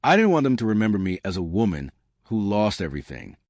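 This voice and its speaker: A man voicing a grieving young widow, weary and guarded, speaking quietly and rawly. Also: lowish voice, sing-song, fast, no echo, studio quality. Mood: hopeful. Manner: quiet, raw.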